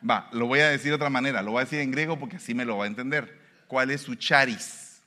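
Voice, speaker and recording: A man's voice: racing, in a large hall. A male preacher, giving a sermon and asking his listeners questions. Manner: animated, shifts pitch and pace for emphasis, asks the audience questions.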